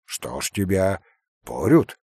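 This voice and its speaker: Man doing a low, slow old peasant. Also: very animated, dark tone, slightly rough, no room sound, studio quality, exaggerated voice. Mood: gruff calm. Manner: slow and sententious. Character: plain-spoken older male peasant, sighing.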